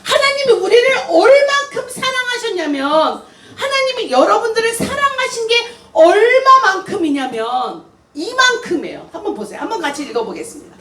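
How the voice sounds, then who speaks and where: Woman missionary, very high, lively voice, preaching to kids; echoey room, mic far off. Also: moderate pace. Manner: animated, asks many questions, speaks casually to the kids. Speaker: missionary preaching to young people. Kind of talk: sermon. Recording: echoey room, voice heard from far off, faint noise.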